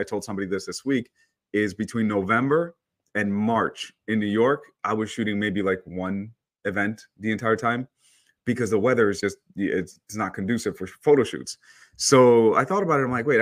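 A man's voice: lowish voice, a little fast. A man in his thirties, born in El Salvador, telling his story as a photographer guest in a casual interview. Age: 30s. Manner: chatty, storytelling, relaxed.

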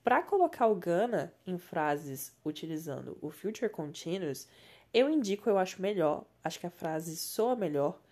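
A woman's voice: on the low side, big pitch swings, darkish tone. Patient Brazilian woman teaching English. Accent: Brazilian Portuguese. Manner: explains patiently, repeats example sentences slowly. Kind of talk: podcast grammar lesson.

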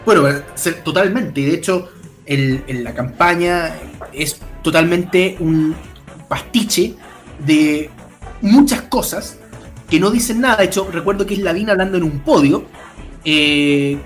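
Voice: mid-range voice, normal speed, soft background music. Una persona con acento chileno comenta de política con ironía en un pódcast. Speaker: political podcast co-host. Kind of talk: casual political chat.

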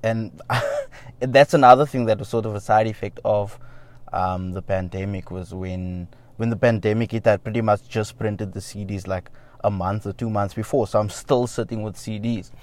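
A man's voice: lowish voice, fairly even intonation, normal speed. A man, a musician answering interview questions in a loose, rambling way with many fillers and the odd wry laugh. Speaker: musician guest.

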